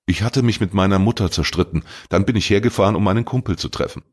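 A man's voice: deep voice, quick pace, husky, voice pushed up. A man reading a crime story voices a teenage boy who pleads and eagerly justifies himself. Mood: defensive. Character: teenage boy, defensive and talkative.

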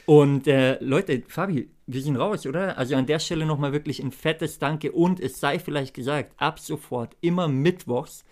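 A man's voice: a little high, normal speed, hardly any pauses, a little mellow. A man co-hosting a podcast, making a casual, hyped giveaway announcement in enthusiastic, slangy talk. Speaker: podcast co-host.

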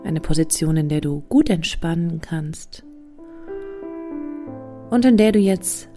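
A woman leading a guided meditation softly and soothingly, close to the listener's ear with breathy phrases and long pauses. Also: deep voice, expressive. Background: soft music.

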